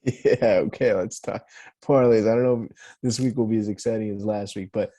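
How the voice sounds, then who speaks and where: A man's voice: lowish voice, steady tone, a little fast, dark tone. A young man co-hosting a casual podcast, teasing his friend and laughing often. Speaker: podcast co-host. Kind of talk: casual chat.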